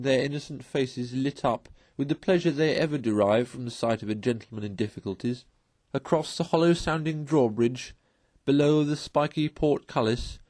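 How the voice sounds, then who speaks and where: A man reads a novel aloud as a storyteller, narrating expressively in a medium-pitched voice. The recording is dry and close, with very little room sound.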